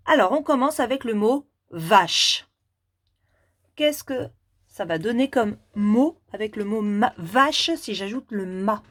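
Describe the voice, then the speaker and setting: Slow-speaking woman teacher. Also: mid-range voice. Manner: slow, deliberate, repeats syllables clearly. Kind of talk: children's reading lesson.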